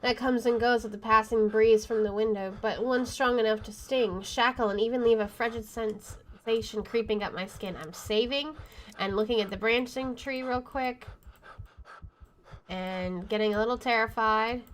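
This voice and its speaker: A woman plays a horror visual novel and reads it aloud in dramatic first-person narration. Her voice is fairly high, with a steady tone and normal speed, and faint game music plays behind her.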